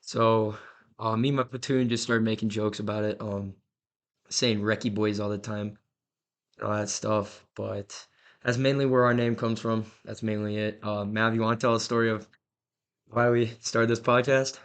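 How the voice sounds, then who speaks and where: A man's voice: fairly low pitch, flat delivery, moderate pace. Laid-back young man hosting a podcast. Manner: laid-back, filler-heavy, joking storyteller. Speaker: podcast host. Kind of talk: casual podcast chat.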